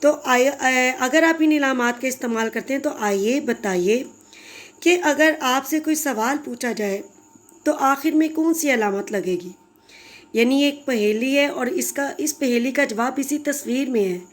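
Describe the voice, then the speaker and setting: A woman's voice: sits high, a little slow. Patient woman teaching a grammar lesson. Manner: patient, explanatory, addresses pupils fondly. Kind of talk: recorded grammar lesson for children.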